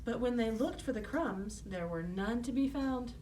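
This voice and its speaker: A woman's voice: a little high, moderate pace, mellow, recorded from a distance, slight background noise. A woman storyteller narrating a children's fairy tale, in the manner of a fairy tale opening.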